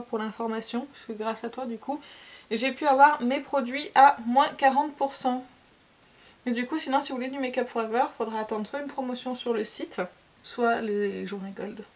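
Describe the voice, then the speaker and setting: A woman from France chatting casually through a makeup tutorial, with frequent fillers and repeated words. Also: fairly high pitch. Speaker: beauty vlogger.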